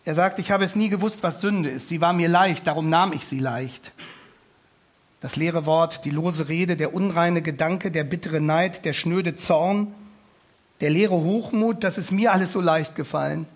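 A man delivering an impassioned sermon in a church, his voice sitting a little higher than most men's. He pleads with his listeners and repeats phrases for weight, slowing down to lean hard on key words. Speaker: preacher.

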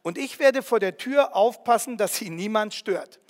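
A man voicing a kindly middle-aged male prison guard who speaks in a hushed, confiding way, in a storybook reading with a long reverb. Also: high-pitched, expressive, moderate pace. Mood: conspiratorial.

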